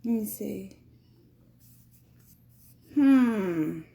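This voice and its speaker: A woman's voice: mid-range voice, animated, very slow, creaky, mellow. A woman hosting a casual live-stream podcast interview, chatty and upbeat, laughing often. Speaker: podcast host.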